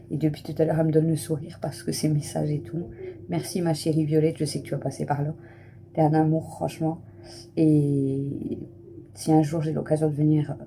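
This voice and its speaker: A family vlogger in her thirties chats casually to camera at home just after getting out of the shower, rambling with plenty of fillers. Her voice sits low and sounds mellow, with a little hiss or hum in the recording.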